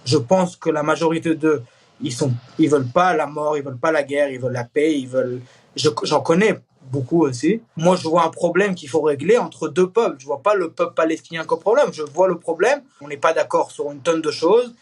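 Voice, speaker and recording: A young man born in East Jerusalem, speaking in a candid interview, earnest and halting with frequent restarts and fillers. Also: on the high side, slightly rough. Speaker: Israeli reservist interviewee.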